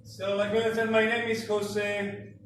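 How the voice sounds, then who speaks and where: A young Mexican man with a Mexican Spanish accent performs a self-deprecating stand-up set, acting out scenes in put-on voices. His high voice is completely flat and a little slow, heard over loud music. Recorded from far off in a large, echoey room with room noise and live audience laughter.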